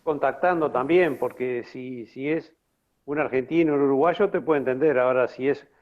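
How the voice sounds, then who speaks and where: A man's voice: medium pitch, moderate pace. Guy jumping in from the class, tinny far-off audio.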